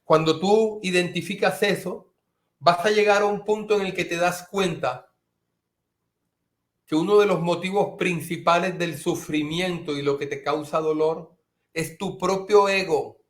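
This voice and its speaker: A man's voice: sits high, measured pace. A middle-aged man preaching a sermon as a pastor, earnest, sometimes acting out his listeners' objections. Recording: echoey room.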